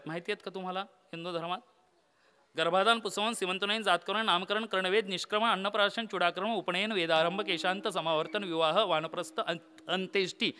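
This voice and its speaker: A man delivers a comic devotional kirtan sermon, telling the story theatrically, quizzing the audience with questions, and breaking into song. His voice is high, sharp in tone and smooth.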